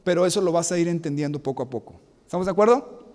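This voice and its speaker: Brief: male pastor, earnest preaching style, high voice, church hall reverb. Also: racing, darkish tone. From Mexico. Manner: earnest, repeats key phrases, asks the congregation to respond. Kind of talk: sermon. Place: church sanctuary.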